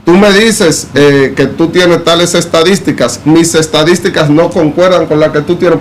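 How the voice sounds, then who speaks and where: Measured man talking politics. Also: on the high side, slight background noise. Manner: measured, explanatory, uses fillers like "eh" and "vamos a decir". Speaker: political commentator. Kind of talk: casual debate discussion.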